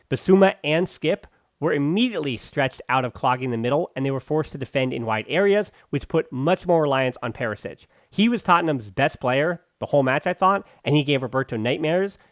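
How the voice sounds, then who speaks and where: A man's voice: mid-range voice, no echo, clean studio sound. A man hosting a football podcast, giving emphatic, opinionated analysis with sarcastic asides and bursts of ranting. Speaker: podcast host.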